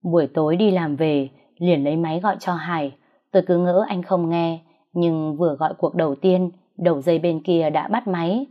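A woman's voice: fairly low pitch, steady tone, normal speed. A woman narrating a first-person audio drama story with a dramatic, emotional reading. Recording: dull lo-fi recording.

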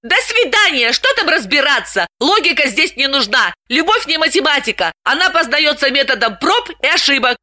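A woman reading an audiobook, voicing an excitable, pushy woman friend in her thirties who talks in shrill, emphatic exclamations. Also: normal speed, hardly any pauses, heavily acted. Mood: excited.

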